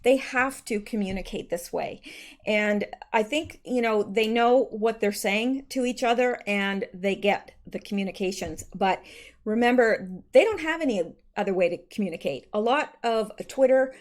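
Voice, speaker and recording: A woman's voice: medium pitch, moderate pace. Chatty woman host musing aloud. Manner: loose and conversational, with frequent ums and self-corrections. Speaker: channel host. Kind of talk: casual commentary reading and discussing tweets.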